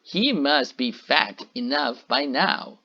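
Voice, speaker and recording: Old witch, read by a man, impatient, muttering, barking orders, storybook, slow, dull lo-fi sound. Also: mid-range voice, animated, sharp tone, full character voice. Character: impatient greedy old witch, half-blind. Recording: dull lo-fi recording.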